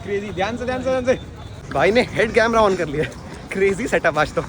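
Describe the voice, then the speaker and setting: Young male vlogger, slightly high voice, bilingual chatter, handheld camera with noisy background. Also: fast talker. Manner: excitable, mixing Hindi and English, says "crazy" a lot. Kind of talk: casual vlog talk to camera. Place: outdoors at a shopping mall at dawn. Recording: noticeable background noise.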